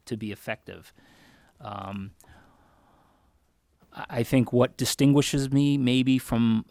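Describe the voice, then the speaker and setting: A man from Connecticut answering interview questions in an earnest, measured way as a job candidate. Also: fairly low pitch, dry recording. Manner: earnest, measured, thinks aloud. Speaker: job candidate for town manager.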